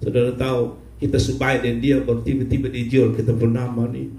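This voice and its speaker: Animated preaching man in an echoey church. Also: mid-range voice, fairly quick, creaky. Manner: storytelling with bursts of shouting and humor. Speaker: pastor. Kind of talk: sermon.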